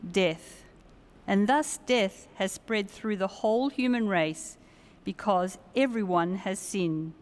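An older woman reads scripture at a church lectern in a formal, solemn voice. Her pace is slow and deliberate, and a long cathedral-like echo trails her words. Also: mid-range voice, darkish tone. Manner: measured, formal. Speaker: lector reading scripture. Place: brick-walled church, at lectern. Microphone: gooseneck lectern microphone.

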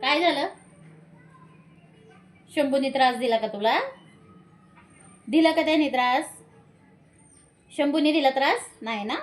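High-voiced woman cooing to her cat. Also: a little slow, long pauses, soft background music. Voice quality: sing-song, coaxing questions. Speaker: cat owner. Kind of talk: cooing baby talk to a pet cat.

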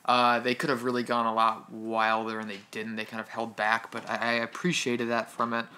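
A man's voice: mid-range voice, monotone, moderate pace, bright, forceful tone. A man co-hosting a podcast, chatting casually about a film, hesitant with frequent restarts. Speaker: podcast co-host. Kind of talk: casual film review chat.

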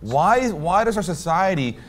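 A man's voice: sits high, sing-song, measured pace. A man co-hosting a talk show, arguing his opinion emphatically and repeating his points. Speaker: co-host.

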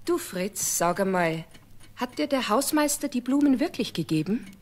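A woman's voice: on the high side, lively intonation, moderate pace. A firm Bavarian mother. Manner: firm, admonishing, exasperated. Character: stern but loving mother, middle-aged. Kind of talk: 1970s radio play acting.

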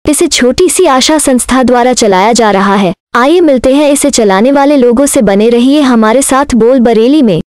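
High, dry-voiced female presenter. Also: normal speed, hardly any pauses, darkish tone, no echo. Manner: formal, announcing. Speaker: channel presenter. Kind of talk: scripted voice-over intro.

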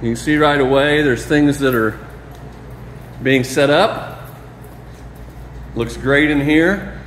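A man at a middle pitch narrates a walking tour of an empty new building. He talks casually into a handheld phone and rambles between excited praise and quiet muttered asides. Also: takes it slowly, a little hiss or hum. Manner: enthusiastic, rambling, often drops to a mutter. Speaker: parish staff member giving a building tour. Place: large new school building, empty gym and halls. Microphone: handheld phone camera, speaker off screen.

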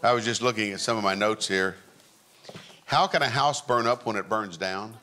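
A man's voice: on the low side, moderate pace, pushed and bright. Folksy older man cracking jokes. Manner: folksy, jokey, chuckles often. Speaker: talk show host. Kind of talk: joking casual chat. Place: studio diner set with live audience.

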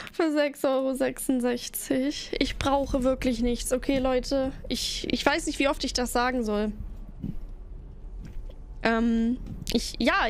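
A young woman streams live and chats casually, flustered and giggly as she thanks her viewers. Her voice is high. She speaks at a slow, drawn-out pace. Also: a little hiss or hum.

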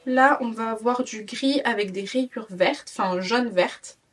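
A woman's voice: fairly high pitch, measured pace, fairly bright tone, far from the mic, faint music behind. A tired woman in her twenties chatting casually through a clothing haul vlog, rambling with many fillers and restarts. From France. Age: 20s. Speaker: parenting vlogger.

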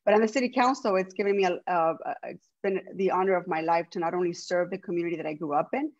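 A city council president from Los Angeles, USA, whose first language is Spanish, gives opening remarks at an online public meeting over a video call. Her voice is on the low side and she speaks earnestly, restarting often. The audio sounds dull.

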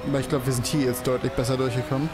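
Game music plays as a young male let's play host talks rapid-fire through a racing game, rambling casually and swearing and exclaiming at the track. His voice is mid-range with a flat delivery.

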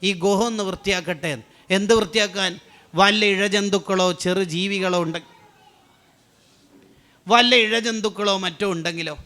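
A man preaching an Islamic sermon, asking rhetorical questions and answering them, swinging between loud urging and low intimate tones. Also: steady tone, moderate pace, long pauses.

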